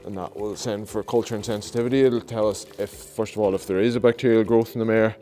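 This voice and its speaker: Deep-voiced male vet. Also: fairly even intonation, fast, mellow, soft background music. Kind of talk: commentary while working.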